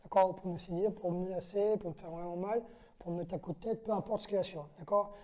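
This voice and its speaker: A fast-talking self-defense instructor with a high, warm, steady voice demonstrates moves methodically. He counts out each step, gives his training partner short commands, and checks in by asking "d'accord?"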